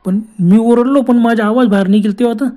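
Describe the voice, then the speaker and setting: Mellow-voiced man telling a ghost story. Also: very high voice, brisk. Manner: earnest, vivid, repeats words for effect. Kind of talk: first-person ghost story narration.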